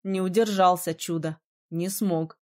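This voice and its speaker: A woman voicing a brooding, sharp-tongued young male mage in an audiobook, teasing and gruff by turns. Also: on the low side, steady tone, a little slow, natural voice. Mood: soft tender. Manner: teasing, then gruff and commanding. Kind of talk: audiobook character reading.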